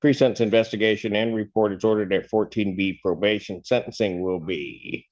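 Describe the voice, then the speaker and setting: A man presiding as a judge at a plea hearing, asking formal questions in a measured way, heard through a courtroom recording. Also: fairly low pitch, steady tone, darkish tone. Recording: dull courtroom audio recording.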